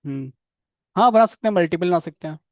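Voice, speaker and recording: A man's voice: high voice, expressive, fast talker, a little mellow, no room sound, clean studio sound. A man giving a live coding lecture on web development. He often asks his students questions and keeps saying "ठीक है". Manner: admits struggling with a technical word. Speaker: programming instructor.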